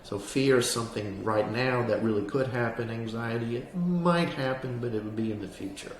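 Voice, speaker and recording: A man with a mid-pitched voice gives a calm, instructive talk in the manner of a counselor leading a grounding exercise. His delivery is plain-spoken and explanatory. The room adds noticeable echo, and there is faint noise behind him. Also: normal speed. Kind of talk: explanatory lesson on anxiety grounding, spoken to camera.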